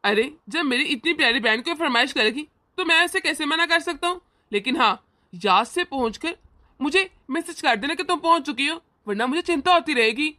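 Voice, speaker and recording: A woman's voice: high voice, expressive, a little fast, bright, forceful tone. A woman voicing a doting older brother who talks in an indulgent, reassuring way, in a homemade family drama.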